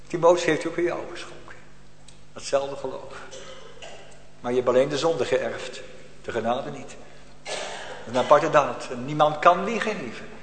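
A man's voice: on the high side, a little hiss or hum. Impassioned man preaching in echoey church. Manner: swings from loud pleading cries to hushed near-whispers; slow, drawn-out stressed phrases. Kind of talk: sermon. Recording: echoey church hall with long reverb.

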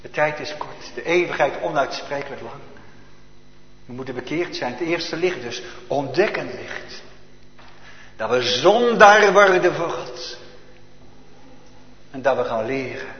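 A man's voice: mid-range voice, animated, unhurried, pauses often, a little hiss or hum. Male pastor preaching in an echoey church. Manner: urgent, swings between loud preaching and hushed near-whispers. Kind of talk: sermon. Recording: echoey church hall, dull lo-fi sound.

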